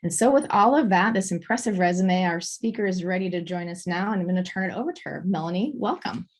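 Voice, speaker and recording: A woman hosting a webinar, reading a formal, measured introduction of the speaker. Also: on the low side, expressive. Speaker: webinar host.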